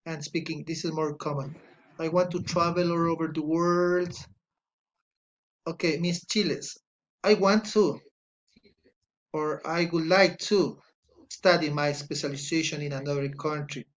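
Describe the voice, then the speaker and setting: The speaker is a man with a fairly high, steady voice, recorded with dull audio. Originally from Ecuador and a native Spanish speaker with an Ecuadorian accent, he leads an online English class, patiently and slowly voicing student answers and correcting spelling and grammar out loud.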